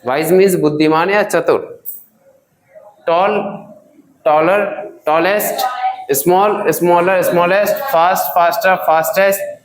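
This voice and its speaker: A man's voice: sits high, roomy sound, low-quality recording. A man teaching grammar in a classroom, drilling students with repeated questions and calling them children. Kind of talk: classroom lesson.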